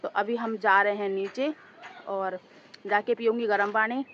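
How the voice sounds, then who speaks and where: A woman vlogger with a hoarse, sore throat, chatting casually and rambling to her viewers as she records outdoors on a two-storey house with a handheld phone. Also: mid-range voice, fairly even intonation, a little slow, a bit bright, dull audio, a little hiss or hum. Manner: rambling, talks straight to viewers as "guys".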